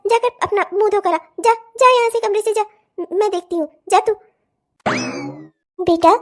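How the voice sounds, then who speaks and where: Coaxing motherly cartoon mother-in-law played by a woman, high voice, sly underneath. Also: darkish tone. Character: soothing middle-aged mother-in-law, cunning. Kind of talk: cartoon voice acting.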